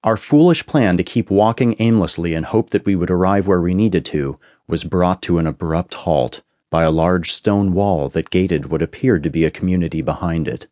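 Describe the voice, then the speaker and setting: A man narrating a suspense audiobook in a measured, storytelling manner on a close studio mic. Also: low-pitched, mellow, no echo. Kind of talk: scripted narration.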